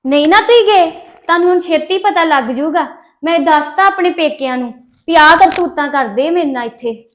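A woman's voice: sits high, animated, brisk. Woman as a defiant Punjabi young wife. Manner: sharp, defiant. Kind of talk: family drama acting.

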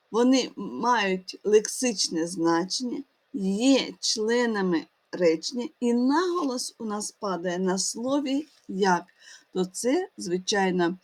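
A woman's voice: a little high, darkish tone. Woman teaching a grammar lesson. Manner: addresses the class as children often, with fillers and restarts.

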